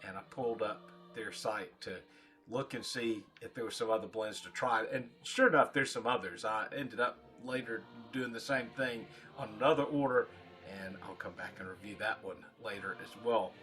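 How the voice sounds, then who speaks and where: Man giving a halting, casual review. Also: on the low side, bright, forceful tone. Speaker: pipe tobacco reviewer. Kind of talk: casual spoken product review.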